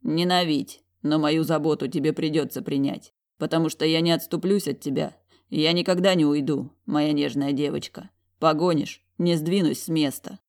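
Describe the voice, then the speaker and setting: A woman voicing a commanding, possessive male dragon general in an audiobook, stubborn and low, tender when he is close. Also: steady tone, normal speed, a little mellow. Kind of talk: audiobook reading.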